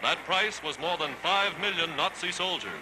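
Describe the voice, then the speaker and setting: A man delivers old 1940s newsreel narration in a high, ringing voice. His announcer delivery is emphatic and declamatory. Loud orchestral music plays beneath him. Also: normal speed, poor audio.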